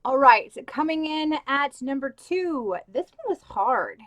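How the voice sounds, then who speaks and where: A woman's voice: high voice, expressive, unhurried, fairly bright tone. Chatty young woman gushing over books. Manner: gushing, filler-heavy, with many "like" and "um". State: has the hiccups. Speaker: book vlogger. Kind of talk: casual chat to camera.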